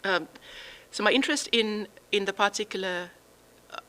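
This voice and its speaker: A woman giving a partly improvised academic talk, pausing to search for words, then stating opinions emphatically. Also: medium pitch, fairly bright tone, poor audio. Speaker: lecturer presenting own book research.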